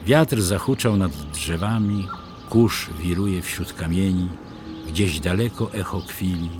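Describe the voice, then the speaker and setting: Deep-voiced man reading a verse tale. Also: slow pace, noisy background. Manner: rhythmic, sing-song verse reading. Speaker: narrator. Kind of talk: rhymed children's story narration.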